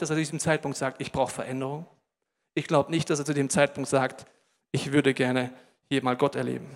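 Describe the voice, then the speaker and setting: A man preaching a sermon in a lively, colloquial way, speaking straight to the listener. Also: a little high, long reverb tail.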